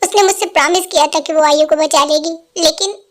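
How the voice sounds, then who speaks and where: A woman's voice: sits high, steady tone, brisk, lightly acted. A woman dubbing a grieving young husband in a fan drama, pleading and tearful. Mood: weary grief. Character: grieving young husband, man in his twenties. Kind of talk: Hindi fan dub.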